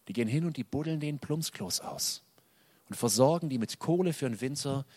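Man preaching with loud and soft swings. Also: medium pitch, lively intonation, fairly quick, dry recording. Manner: dynamic preaching, loud emphatic peaks dropping to soft quiet lines. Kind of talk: sermon.

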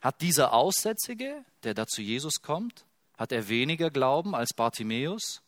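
A man preaching a sermon, telling a Bible story and switching from hushed quotes to loud, emphatic passages. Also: medium pitch, normal speed, no echo, clean studio sound. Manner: expressive, swings from hushed to loud when quoting.

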